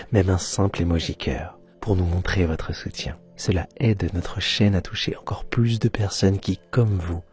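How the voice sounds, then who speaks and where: The host of a relaxation and hypnosis channel narrates guided sleep hypnosis in a slow, deep, soft male voice that is soothing and a bit breathy, often trailing into a near-whisper. He's recorded on a close binaural microphone, so he sounds right in your ear, with soft music playing in the background.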